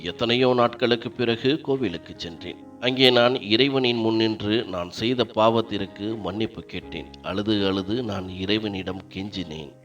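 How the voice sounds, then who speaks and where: Low-voiced man narrating a somber story. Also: normal speed, a bit bright. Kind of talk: scripted first-person story narration. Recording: dull lo-fi audio with faint music.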